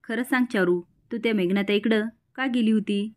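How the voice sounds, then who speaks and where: A woman's voice: fairly high pitch, moderate pace, natural voice. A woman voicing a stern, worried middle-aged aunt, reading her lines out plainly within a recap.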